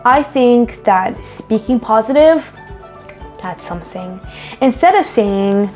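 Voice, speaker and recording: A woman's voice: fairly high pitch, lively intonation, slow pace, darkish tone, faint music behind. A woman hosting a casual vlog with parenting tips, chatty, restarting sentences and acting out little quoted exchanges. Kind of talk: casual advice talk to camera.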